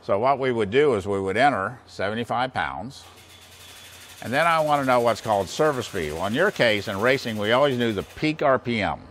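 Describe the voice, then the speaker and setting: An American man in his sixties, an instructor, walks through engine balancing equipment step by step in a plain, folksy way. His mid-range voice is expressive, fairly quick and fairly bright. The large indoor machine shop adds clear workshop noise to the recording.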